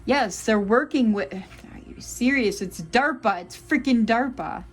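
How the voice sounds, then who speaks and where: Slow-talking exasperated woman reading tarot. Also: on the high side, expressive. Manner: exasperated, swearing, muttering asides. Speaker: tarot reader. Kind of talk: channeled tarot reading to viewers.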